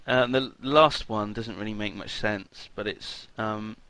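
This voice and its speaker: Podcast co-host, male, bright dry voice, jokey and profane. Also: on the low side, measured pace, clear, resonant tone, dry recording. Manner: joking, teasing, swears freely. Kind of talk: casual podcast banter.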